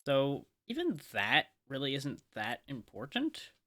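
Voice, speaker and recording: A man streaming live gameplay, talking through his choices with playful, excitable, mock-boastful trash talk. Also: mid-range voice, unhurried.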